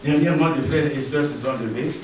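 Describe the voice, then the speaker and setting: A pastor preaches in a church hall in a fairly high, darkish voice at a slightly quick pace, emphatically repeating his main phrases and addressing the congregation head-on. The mic is far away, so the sound is heavily reverberant with a bit of noise.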